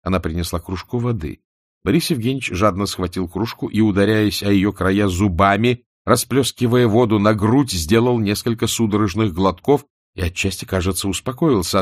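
A man narrating a humorous novel in a wry, expressive storytelling manner on a close studio mic. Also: on the low side, no echo. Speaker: audiobook narrator.

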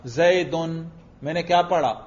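A man teaching grammar in a classroom lecture. He keeps asking his students questions, answers them himself, and slowly chants example phrases. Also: a little high. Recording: dull lo-fi recording.

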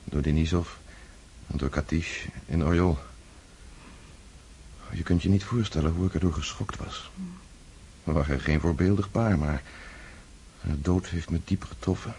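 A man's voice: sits low, measured pace, long pauses, darkish tone, slight background noise. An actor playing Pierre, an earnest man back from war captivity, speaking in a reflective, emotional way in a radio drama. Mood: remorseful.

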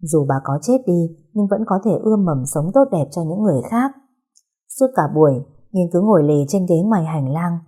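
A woman narrating a dramatic audio story in a steady, measured way. Her voice sits low and sounds mellow and warm. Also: slightly rough.

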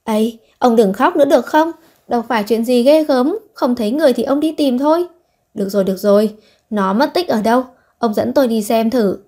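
A woman's voice: on the high side, a little fast, warm tone. A woman voicing a curt, proud young woman. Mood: flustered, scolding. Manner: curt and scolding. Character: proud sharp-tongued young woman, impatient.

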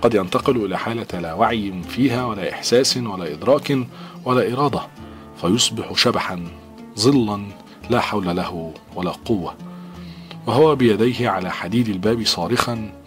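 Male audiobook narrator, low voice, measured and dramatic, over soft music.

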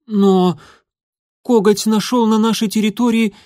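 A man voicing a hostile young male warrior cat who shouts and hisses in a high, loud voice. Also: steady tone, a little slow, no echo, studio quality. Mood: angry. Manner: shrill, angry and hissing.

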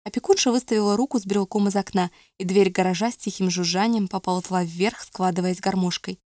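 A woman calmly narrating an audiobook. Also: medium pitch, a little fast, no echo. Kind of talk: scripted narration.

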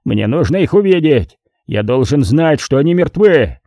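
A man's voice: on the high side, expressive, normal speed, warm tone, dry recording, clean studio sound, voice pushed up. A man voicing a panicked, short-tempered male gang boss who snaps out orders. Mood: harsh. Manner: barking, snapping orders.

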